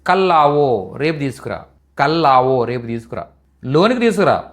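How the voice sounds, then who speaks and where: A man's voice: mid-range voice, big pitch swings, normal speed. A man teaching in a live online language class, repeating each phrase patiently for students. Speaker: Hindi teacher.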